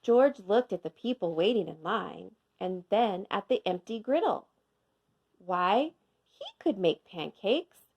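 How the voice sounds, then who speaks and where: A woman reading a children's storybook aloud as a teacher would, with expressive, measured storytelling for young children. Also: medium pitch, highs cut off. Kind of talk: scripted children's storybook narration.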